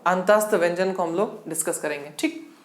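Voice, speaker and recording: A woman teaching a Hindi grammar lesson for exam prep, asking a question and then answering it herself, and drilling sounds aloud slowly. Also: fairly low pitch, heavy background noise. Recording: echoey room.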